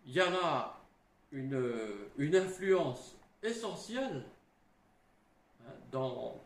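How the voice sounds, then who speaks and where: A middle-aged man, a historian, explaining in a halting way, full of restarts and little tag words. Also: on the high side, very animated. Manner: halting, frequent "hein" and restarts. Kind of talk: explanatory talk. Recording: roomy with faint ambience.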